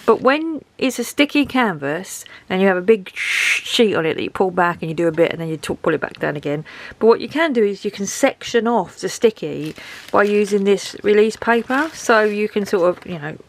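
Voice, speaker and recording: Showing off a craft haul at home, this woman talks to the camera in a loose, rambling, self-deprecating way despite a head cold and dry throat. Her medium-pitched voice is lively and moves along fairly quickly.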